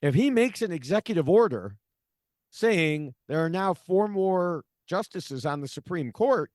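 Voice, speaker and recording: Sarcastic man with a lively voice. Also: high voice, a little slow, no room sound, studio quality. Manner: sarcastic, exasperated, many fillers. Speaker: podcast co-host. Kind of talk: casual political chat.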